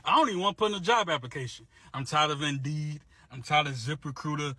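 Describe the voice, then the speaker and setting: A man's voice: fairly high pitch, quick pace, bright, forceful tone, no echo. A man ranting to camera in a casual, weary way, full of slang and repeating that he is tired. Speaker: vlogger. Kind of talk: emotional rant to camera.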